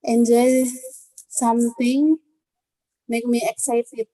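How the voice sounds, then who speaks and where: A woman student answering in halting English during an online lesson. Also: on the high side, level tone, mellow, rough recording. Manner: hesitant, halting English learner. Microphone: video call.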